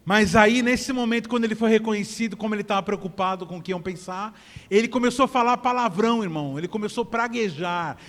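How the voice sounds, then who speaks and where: A man, preaching in an animated, conversational sermon that builds to shouting. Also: sits high, fast. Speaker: pastor. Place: church hall. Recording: echoey church hall.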